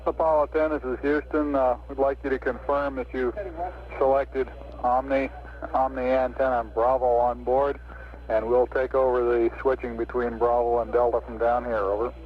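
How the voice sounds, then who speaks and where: A man's voice: medium pitch, little pitch movement, normal speed. A man working as a mission control communicator, speaking in procedural calls over crackly military-style radio. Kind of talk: procedural radio talk, reading out figures. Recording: dull radio link with static.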